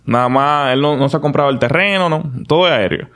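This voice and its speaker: A man, a podcast guest telling his story in a casual, animated, confident way with frequent restarts. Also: fairly high pitch, fast talker.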